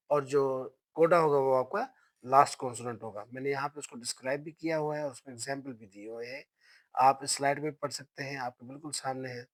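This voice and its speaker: A man with a slightly high voice teaches patiently from his slides. He repeats his points and keeps checking that the class follows. His voice sounds dry and close, with no room echo. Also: fairly bright tone. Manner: switches between Hindi and English. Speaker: phonetics teacher. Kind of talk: online lecture with slides.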